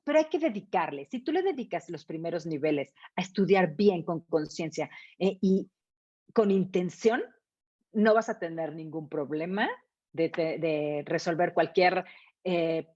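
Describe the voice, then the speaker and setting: A woman, an English teacher explaining her method in an interview with emphatic repetition and rhetorical questions. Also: lowish voice. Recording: dull lo-fi sound.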